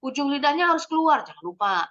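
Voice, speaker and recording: A woman English teacher leading a kids' lesson, slowly modeling words for the class to repeat, mixing English phrases into her explanations and praising answers. She clears her throat often. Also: sits high, very animated, a bit bright, lo-fi sound. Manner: encouraging praise after answers. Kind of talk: online English lesson for kids.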